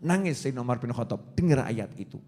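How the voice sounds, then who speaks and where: A man's voice: medium pitch, expressive, fast, dark tone. A man giving a storytelling sermon, asking his audience questions and acting out quoted voices. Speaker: preacher.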